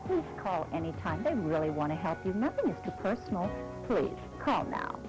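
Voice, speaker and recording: A woman giving a pleading, reassuring pitch for a psychic hotline ad. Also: big pitch swings, normal speed, music in the background, poor audio.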